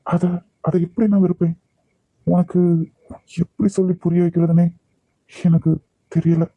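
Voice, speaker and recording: A man's voice: sits high, little pitch movement, moderate pace, dry recording, phone-quality sound. A man voicing an earnest, possessive young husband in a cartoon love story. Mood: insistent. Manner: earnest, insistent, emotional.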